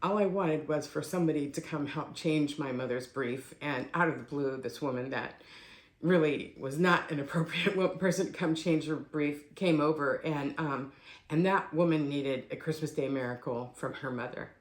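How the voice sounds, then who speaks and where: A woman's voice: deep voice, normal speed, echoey room. A woman, a family caregiver, telling a personal story in a casual, conversational way, with many fillers and restarts.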